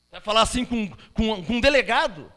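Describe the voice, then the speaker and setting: A man's voice: high-pitched, lively intonation, fast talker, sharp tone. A man preaching a sermon, emphatic and full of rhetorical questions to his congregation. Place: church hall. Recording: long church-hall reverb.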